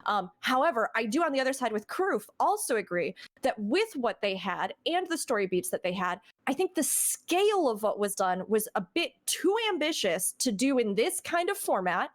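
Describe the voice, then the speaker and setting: Chatty, animated woman streamer. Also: fairly high pitch, normal speed, few pauses. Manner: animated, chatty, lots of fillers and asides. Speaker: podcast host and streamer. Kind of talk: casual podcast discussion.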